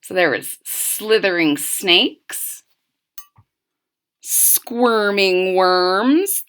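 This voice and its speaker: A storybook reader with a pushed, bright, mid-range voice reads a children's story aloud. She is expressive, stressing key words dramatically, drawing them out and offering explanatory asides.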